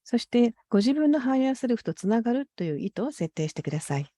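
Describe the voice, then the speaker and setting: A woman's voice: a little high, sing-song, quick pace, warm tone, no echo, clean studio sound. A woman working as an interpreter for a guided meditation, speaking politely and carefully with hesitant phrasing. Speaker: consecutive interpreter.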